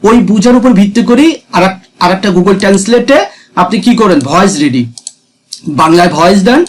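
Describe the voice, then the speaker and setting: A man's voice: high-pitched, expressive, normal speed. A man giving a casual screen tutorial, chatty and repetitive, often checking in with viewers. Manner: chatty, repeats himself, asks viewers "ঠিক আছে?". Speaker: freelancing tutor.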